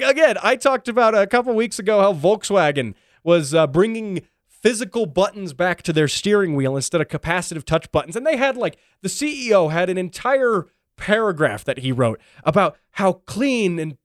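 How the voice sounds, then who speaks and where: A man's voice: on the high side, dry recording. Chatty, wry man with a dry sound. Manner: chatty, wry, lots of fillers and restarts. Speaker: show host. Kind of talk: casual commentary.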